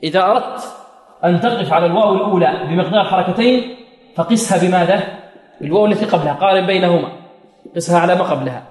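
A man teaching Quran recitation rules, quizzing his students with questions and chanting verses slowly to demonstrate. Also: high voice, darkish tone. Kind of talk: tajweed lesson with chanted recitation. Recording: echoey hall.

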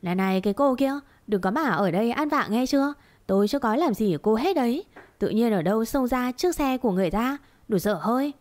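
A woman voicing a hot-tempered male cart pusher in a storybook reading, defensive and gruff. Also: on the high side, lively intonation, normal speed, dry recording, lightly acted.

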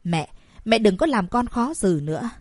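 A woman's voice: medium pitch, big pitch swings, normal speed, no room sound, clean studio sound. A woman voicing an anxious, dutiful young wife in an audiobook, pleading with and placating her mother. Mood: reluctant. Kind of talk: audiobook character voice.

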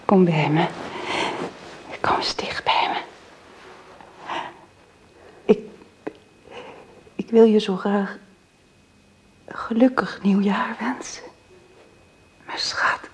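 An actress playing a gentle, modest, emotional woman in an old radio drama, hesitant and soft-hearted. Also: mid-range voice, slow, pauses often, close to an everyday voice. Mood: tender, hushed. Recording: dull, noisy old radio recording.

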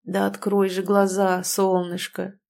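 Woman reading as old grandfather, gentle, wise, soft and slow, mellow tone, audiobook. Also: medium pitch, completely flat delivery, gravelly. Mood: tender.

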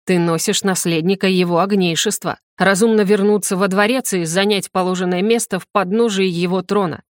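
A woman's voice: medium pitch, steady tone, a little fast, dry recording, clean studio sound, natural voice. A woman voicing a cold, sarcastic male general who speaks in short, clipped lines in an audiobook. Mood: cold, mocking.

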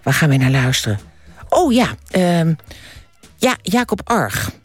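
A late-night radio host chatting casually with callers, lively and full of fillers. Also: mid-range voice, unhurried, breathy edge. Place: radio studio.

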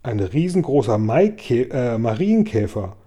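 Guy reading a loud flustered old sea captain, husky voice, storybook style. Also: medium pitch, measured pace. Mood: excited. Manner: excited, exclaiming, stumbling over his words. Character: blustering, befuddled middle-aged male ship captain. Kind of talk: storybook read-aloud acting.

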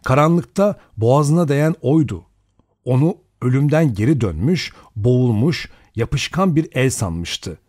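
A man narrating an audiobook dramatically, slowing and speeding for suspense. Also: medium pitch, no echo, clean studio sound. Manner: expressive, varies pace for suspense.

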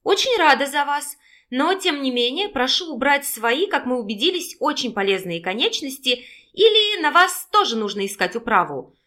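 A woman voicing a sharp-tongued, feisty young woman who snaps back with sarcasm in an audiobook. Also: high voice, very animated, moderate pace, full character voice. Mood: sarcastic. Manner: sarcastic, indignant, loud.

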